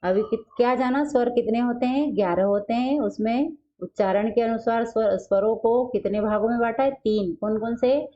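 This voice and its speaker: A woman's voice: fairly high pitch, moderate pace, warm tone, dull audio. A woman teaching a grammar lesson, who asks questions and answers them herself and repeats the key words.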